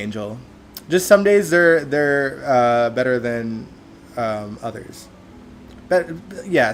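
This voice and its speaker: A man's voice: mid-range voice, a little hiss or hum. A man hosting a soap opera after show in a casual livestream chat, talking with a stuffed-up nose from allergies, laughing often and greeting viewers by name. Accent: Canadian.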